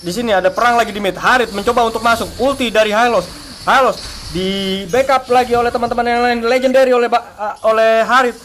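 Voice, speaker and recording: A man casting a live game excitedly like a fighting game announcer, stretching out his big calls. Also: very high-pitched, fast talker, a little hiss or hum. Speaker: esports match caster. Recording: music behind the voice.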